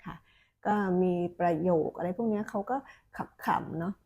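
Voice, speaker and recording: Gravelly, husky woman reviewing children's books. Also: fairly low pitch, normal speed, warm tone. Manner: chatty, with frequent filler particles and self-corrections. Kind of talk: casual book review talk.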